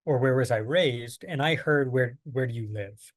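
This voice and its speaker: Teaching survey design in an online training lecture, an American man serving as a workshop presenter speaks at a moderate pace in a medium pitch, with no room sound. His explanations are patient and grounded in plain everyday examples.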